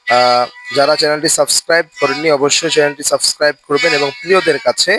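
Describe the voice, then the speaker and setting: A man's voice: fairly high pitch, steady tone, fast talker, music in the background. A man teaching an online Quran reading lesson, steadily drilling letter sounds and explaining the rules patiently.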